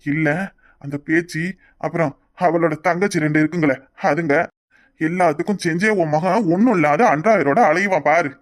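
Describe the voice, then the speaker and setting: A man's voice: on the high side, moderate pace, no echo, studio quality, lightly acted. A man voicing a sly middle-aged uncle who speaks in a southern Tamil village dialect and urges his sister on in her scheme, in a cartoon. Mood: sly, conspiratorial. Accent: southern Tamil Nadu village dialect. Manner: conspiratorial, egging on.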